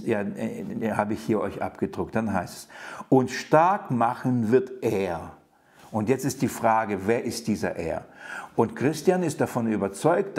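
A man's voice: medium pitch, a little mellow. A man preaching an earnest Bible teaching, speaking emphatically with frequent restarts and fillers and putting questions straight to his listeners. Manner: addresses listeners directly with questions. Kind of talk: sermon-style Bible teaching.

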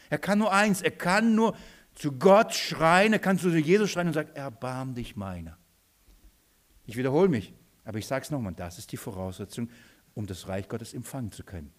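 A man preaching a sermon, asking his listeners questions and swinging between soft low asides and loud, high, emphatic lines.

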